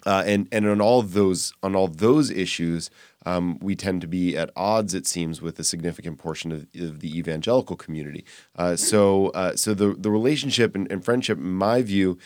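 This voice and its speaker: A man speaking as a rabbi and guest in an unscripted discussion, halting and measured, often searching for his next word. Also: deep voice, a little mellow, dry recording, clean studio sound.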